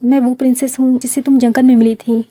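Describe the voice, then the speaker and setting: A woman voicing a young princess who is shy and troubled, speaking softly and earnestly. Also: high voice, little pitch movement, fast talker, no room sound. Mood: confiding.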